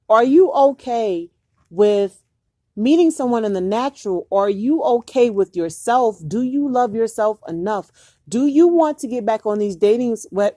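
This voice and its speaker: A woman's voice: fairly high pitch, dark tone, no room sound, studio quality. A woman vlogger giving dating advice to her viewers, earnest and urgent, repeating her warnings. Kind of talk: earnest direct-to-camera talk.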